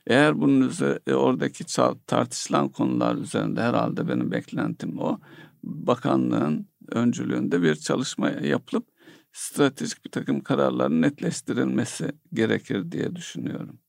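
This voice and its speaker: Male economic commentator, heavy vocal fry, lively pitch, halting delivery full of filler sounds. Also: no room sound, clean studio sound. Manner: hesitant, many pauses and filler sounds. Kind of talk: analytical discussion.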